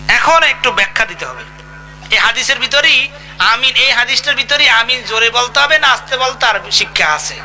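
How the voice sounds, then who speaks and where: A man delivers a sermon in a very high, piercing voice. He presses his points hard and keeps asking the listeners questions. A faint hum sits under the recording. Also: sharp tone, rough recording. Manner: emphatic, asks the audience questions. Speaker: Islamic preacher.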